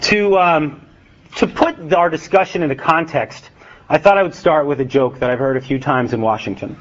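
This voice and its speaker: An American man giving a relaxed talk as an author, with many fillers and acted-out dialogue. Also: a little high, moderate pace, muffled recording, noisy background. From United States. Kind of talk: public talk with a joke. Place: event hall with a live audience.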